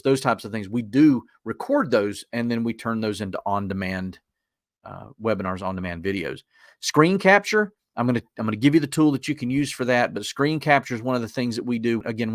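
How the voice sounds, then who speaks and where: A man's voice: lowish voice, no echo, studio quality. A man with a Southern Appalachian accent giving an informal, conversational instructional webinar in a folksy manner. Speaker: webinar presenter.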